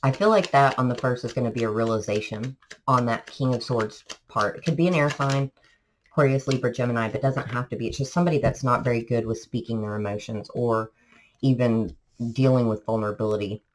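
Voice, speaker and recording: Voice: mid-range voice, brisk, a little hiss or hum, low-quality recording. Congested, chatty tarot reader. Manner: chatty, rambling, many fillers. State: congested from allergies. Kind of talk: casual tarot reading for viewers.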